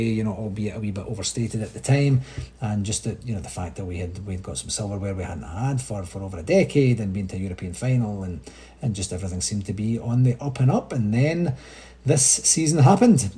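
Scottish man, podcast host, mellow warm tone, rambling chatty delivery. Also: mid-range voice. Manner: chatty, rambling, frequent restarts. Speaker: supporters' association podcast host. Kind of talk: casual solo podcast update.

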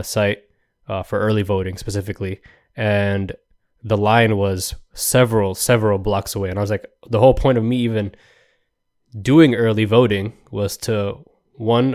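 A young man hosting a solo podcast, rambling and joking in an animated, exasperated rant. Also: on the low side. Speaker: podcast host. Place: New York.

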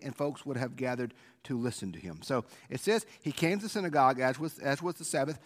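A male preacher giving an informal, conversational devotional on scripture in a halting way, his voice echoing through a church sanctuary like a cathedral. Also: medium pitch. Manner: conversational, halting with repeated words. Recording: echoey church sanctuary, long reverb.

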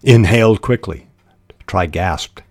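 An older man with a very low voice talks slowly and deliberately, like a host reading his own script. The sound is close and dry, with no room around it. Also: a little mellow, dry recording. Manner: measured, deliberate teaching delivery. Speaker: writing podcast host. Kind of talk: scripted podcast talk.

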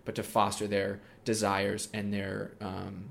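Teen-aged male guest, deep-ish voice, relaxed rambling chat, slight noise on the line. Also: a little slow, gravelly. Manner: relaxed, many fillers and restarts. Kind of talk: casual interview talk.

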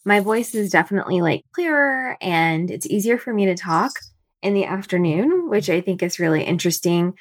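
A woman in her thirties hosting a solo podcast from home early in the morning, her voice a bit raspy, chatty and thinking out loud with fillers. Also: mid-range voice, expressive, normal speed. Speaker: podcast host. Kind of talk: casual solo podcast talk.

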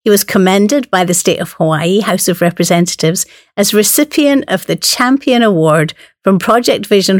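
A woman's voice: on the low side, no room sound. Woman host doing an interview, chatty, dry close sound. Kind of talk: broadcast interview.

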